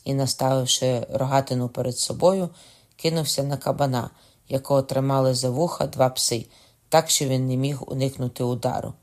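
A man reads a classic novel aloud as an audiobook narrator. His delivery is steady and measured, in a voice of ordinary pitch for a man.

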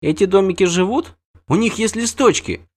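A man voicing an excitable, spirited little girl princess in an audiobook reading, with high eager exclamations. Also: normal speed. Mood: excited.

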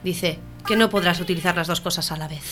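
A woman's voice: lowish voice, fast talker, soft background music. A woman co-hosting a radio comedy show, telling jokes and acting out the characters. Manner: animated joke delivery, acting out voices. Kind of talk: joke-telling radio banter.

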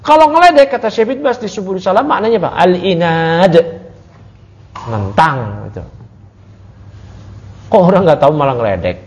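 A man teaching an Islamic study class, talking casually with his listeners and swinging from low asides to raised, emphatic points. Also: expressive, moderate pace, long pauses. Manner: conversational, asks the audience, swings from low to raised emphatic tones. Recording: muffled audio recording.

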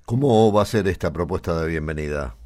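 A man's voice: sits low, lively intonation, fairly quick, mellow, no room sound. A man hosting a radio interview, chatty and playful in his questions. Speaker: radio host.

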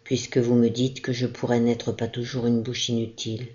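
A woman reading aloud, voicing a small crippled girl who is despairing and lonely, in a soft pleading way, on a dull lo-fi recording. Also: very deep voice, completely flat delivery, normal speed. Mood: resigned.

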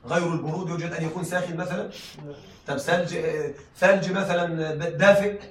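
High, fast-talking male teacher lecturing. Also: fairly even intonation, a bit bright. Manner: checks in with the class, frequent laughing asides. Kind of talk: classroom lecture on rhetoric. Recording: echoey room, mic at a distance.

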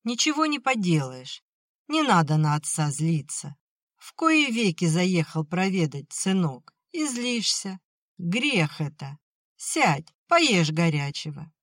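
Narrator doing a scared old village mom, higher soft pleading voice, slow, dry close mic. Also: big pitch swings, no room sound, far from the mic, exaggerated voice. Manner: timid, pleading, tearful. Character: fearful pleading old peasant mother.

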